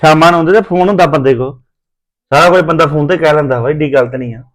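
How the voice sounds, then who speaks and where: A man plays a young married son who grumbles and keeps insisting he did nothing wrong. His voice sits a little high and he speaks fast. This is a family comedy skit. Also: natural voice. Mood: grumbling. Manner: defensive, grumbling.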